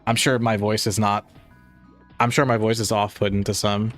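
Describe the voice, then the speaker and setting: A young man with a fairly low, slightly nasal voice chats casually on a game stream at normal speed, keeping a level tone while he reads chat. He's laid-back and rambling, leaning heavily on "like" and other fillers, with faint music in the background.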